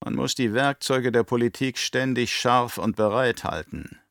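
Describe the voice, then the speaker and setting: A man's voice: mid-range voice, measured pace, a bit bright, no room sound, studio quality. A man voicing a cruel, scheming, obese baron who barks angry questions in an audiobook reading. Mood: sneering.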